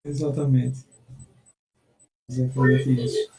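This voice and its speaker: A man, a guest in a casual conversation, speaking thoughtfully and haltingly over a video call with a strong echo. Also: mid-range voice, flat delivery, dark tone. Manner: thoughtful, halting, repeats words while searching. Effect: strong echo from the call audio. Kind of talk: casual conversation about philosophy. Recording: echoey, distant video call audio.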